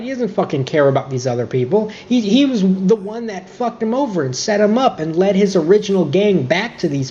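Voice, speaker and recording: A man's voice: sits high, warm tone, dull audio, a little hiss or hum. A young man reviewing a game in a casual, irritated rant full of swearing and nitpicks.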